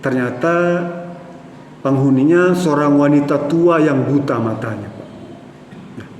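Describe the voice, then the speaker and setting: A preacher with a fairly high, unhurried, slightly mellow voice delivers an Islamic sermon full of stories, frequently calling his listeners "Pak" and acting out the quotes. The recording has a faint hiss or hum and comes from an echoey hall with light background ambience.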